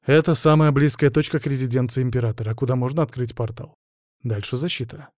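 Guy reading as calm head priestess lady, even and measured, dry close mic. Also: medium pitch, no room sound, lightly acted. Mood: explaining. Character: composed older abbess, calm and reassuring.

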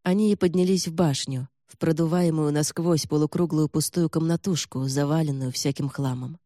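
Guy narrating a fantasy audiobook, steady, mellow dark voice, dry close mic. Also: on the high side, normal speed, no room sound.

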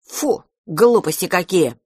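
A woman's voice: mid-range voice, fairly quick, no echo, natural voice. A woman reading a grumpy little boy mouse who scoffs at silly things. He sounds indignant and scornful, in a dry, close storybook reading.

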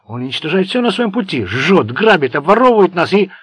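A man voicing a furious, hysterical male crime boss who shouts insults. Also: mid-range voice, lively intonation, fast talker, breathy edge, no echo.

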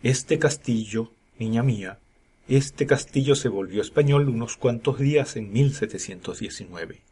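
A man's voice: medium pitch, a little mellow, close to an everyday voice. A man voicing a gloomy old cart driver. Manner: hoarse, gloomy and slow. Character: gruff old male Scottish cart driver.

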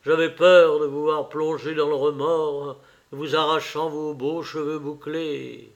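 A man's voice: on the high side, little pitch movement, unhurried. A man voicing Lord Henry, languid ironic aristocrat. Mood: teasing. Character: witty worldly English aristocrat, urbane cynic. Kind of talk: audiobook character reading.

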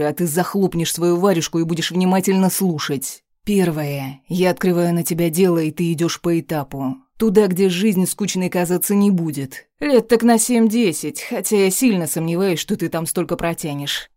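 A stern, harsh police officer father speaks low and curt with quiet menace, as a woman reads him. The voice sits fairly low and the sound is dry and close. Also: dry recording, natural voice. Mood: menacing.

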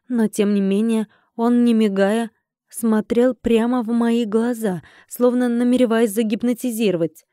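Woman narrator, young adult, first-person audiobook, wry conversational read, mellow tone, dry close sound. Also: on the high side, no echo. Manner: wry, conversational inner monologue.

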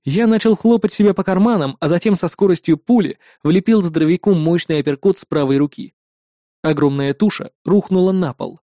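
A man's voice: high-pitched, a little fast, mellow, dry recording, studio quality. A man narrating a first-person story as an audiobook, in a wry, sardonic way.

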